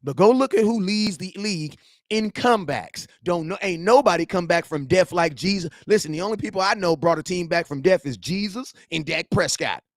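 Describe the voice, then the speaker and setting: A man, reading and answering viewer chat in a slangy, animated sports rant. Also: high voice, fairly quick, no echo, clean studio sound. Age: 40s. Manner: animated, slangy trash talk, shouts at chat. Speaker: sports fan streamer.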